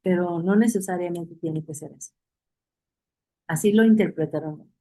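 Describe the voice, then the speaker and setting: Woman Bible teacher, mellow warm tone, repeats points, quizzes the class. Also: fairly low pitch, moderate pace, poor audio. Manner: reads verses aloud and asks the class questions; repeats key phrases for emphasis.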